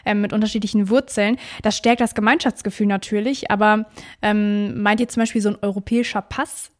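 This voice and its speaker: A woman's voice: mid-range voice, steady tone, fairly quick. A woman hosting a podcast, chatty and friendly, with frequent fillers. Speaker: podcast host.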